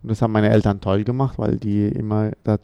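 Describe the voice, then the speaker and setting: A man's voice: fairly low pitch, level tone, fairly quick, gravelly, mellow, clear, resonant tone, dry recording. A middle-aged man from Ethiopia, a comedian telling stories casually in an interview, often tagging "ne?" onto his sentences. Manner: chatty, adds "ne?" after many sentences. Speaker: comedian and guest.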